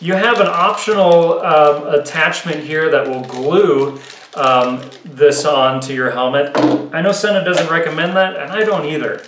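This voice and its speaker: Speaking at a measured pace with a fairly bright tone and a voice on the high side, a man in his thirties reviews gear informally, explaining and thinking aloud. He's indoors at a table in his living room, where there's roomy echo and clear background noise.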